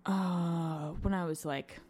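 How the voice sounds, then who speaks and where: Young woman, low voice, from wisconsin, casual chat, filler-heavy, candid. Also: fairly even intonation, takes it slowly, a little mellow. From Madison, Wisconsin. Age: young adult.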